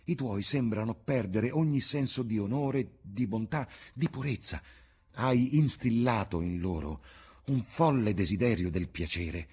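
A man's voice: fairly low pitch, expressive, measured pace, darkish tone, slightly rough, pitched above the performer's own voice, exaggerated voice. A man reading aloud and voicing a grave, troubled middle-aged painter who speaks earnestly and pleads. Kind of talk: audiobook reading.

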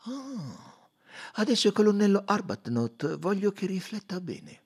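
Guy doing a fussy old detective in an audiobook, high and sing-song, coaxing, insistent. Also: big pitch swings, measured pace, husky, exaggerated voice. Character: fussy, probing older male detective. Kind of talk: audiobook reading.

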